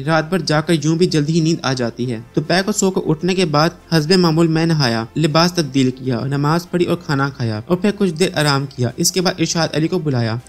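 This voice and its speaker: Man narrating a story over soft music. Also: on the high side. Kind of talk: scripted first-person story narration. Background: faint background music.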